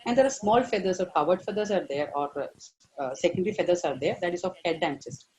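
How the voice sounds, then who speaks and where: A man's voice: sits high, fast, a little mellow, low-quality recording. Hesitant male vet lecturer. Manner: hesitant, many fillers, stresses key words. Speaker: veterinary lecturer. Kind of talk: online lecture.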